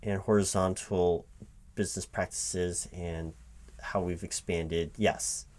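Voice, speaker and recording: A deep-voiced man plays a flustered yet polite recruiting manager in a one-sided ASMR job interview roleplay, bemused as he hesitates, repeats words and asks puzzled questions. His tone is steady and his pace slow, with heavy background noise and keyboard typing behind him.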